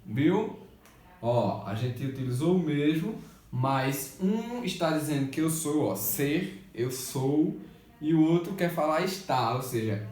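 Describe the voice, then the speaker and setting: Slow, patient Brazilian male teacher. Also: on the high side, darkish tone, roomy sound. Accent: Brazilian Portuguese. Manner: patient, repeats checks like "tá certo?" and "beleza?"; asks questions and answers them himself. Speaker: English teacher. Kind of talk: remote school lesson.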